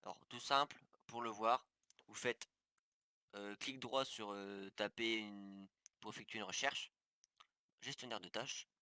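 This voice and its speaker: A man in a casual screen-recorded tutorial, pausing and restarting as he clicks through menus. His voice sits low but sounds bright and forceful. The recording is dry and close, with no room sound. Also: steady tone, clear, resonant tone, no room sound. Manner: hesitant, many fillers and restarts; talks viewers through steps on screen. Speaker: gaming tutorial youtuber.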